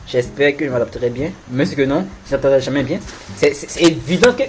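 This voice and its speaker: A man's voice: mid-range voice, quick pace, very noisy. A man streaming a romance game, joking, repeating himself and reading the dialogue aloud in a teasing way. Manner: joking, repeats himself, laughs often, voices dialogue mockingly. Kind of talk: casual gaming commentary, reading game lines aloud.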